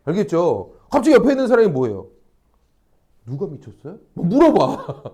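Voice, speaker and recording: Animated Korean lecturer, lively pitch. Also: male voice, quick pace, husky. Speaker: social studies cram school teacher. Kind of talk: lecture to high school students.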